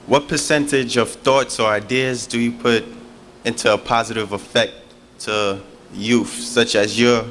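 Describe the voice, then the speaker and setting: Man, audience questioner, polite, formal, lower pitch. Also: a bit bright, slight background noise. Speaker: audience member asking a question.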